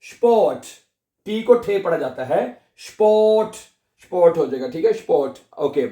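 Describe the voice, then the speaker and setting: A man's voice: on the high side, lively intonation, a little fast, mellow. A man teaching a casual online language lesson, chatty and repetitive, often checking that viewers follow along. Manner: chatty, repeats "theek hai" often, checks understanding. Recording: roomy echoey room.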